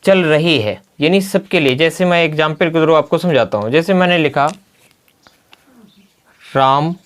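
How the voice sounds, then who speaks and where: A man teaching a grammar lesson at a blackboard. He often poses a key word as a question and then answers it himself. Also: fairly high pitch. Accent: Hindi. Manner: slow and deliberate, spelling out examples.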